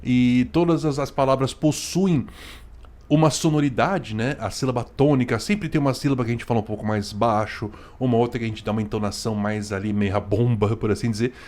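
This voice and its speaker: A Brazilian man talks casually as the host of a reaction video. He is chatty and slangy, at a middling pitch, and keeps checking in with his listeners. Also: a little fast, a little mellow. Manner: chatty, constant "né" and "cara", slangy. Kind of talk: casual commentary.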